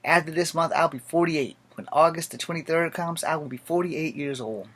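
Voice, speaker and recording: A man's voice: a little high, moderate pace, fairly bright tone. A man in his late forties, an army veteran, speaking a blunt, profane and defiant personal monologue to camera. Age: 40s.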